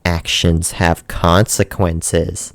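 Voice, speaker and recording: A man voicing a young boy, a menacing cringe kid who talks slowly and ominously. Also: low voice, flat delivery, fairly bright tone, no echo, voice pushed down, heavily acted.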